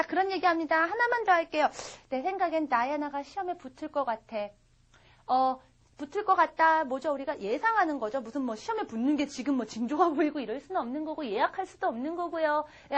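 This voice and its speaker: Woman, English teacher, Korean native; high-pitched, methodical lesson delivery. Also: a bit bright. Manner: explains step by step, reads English examples slowly. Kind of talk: recorded grammar lesson.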